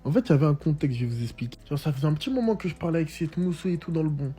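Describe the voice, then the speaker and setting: A man's voice: a little high, rapid-fire, dark tone, slightly rough, soft background music. A young man casually retelling a personal story in street slang, full of fillers.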